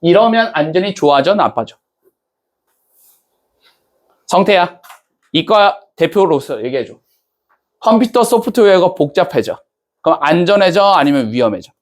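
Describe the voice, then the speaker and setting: A man with a fairly high voice lectures a class in a relaxed, chatty way. He keeps firing questions at the students and checking that they follow. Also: moderate pace. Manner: casual banter-style speech to students. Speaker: English teacher.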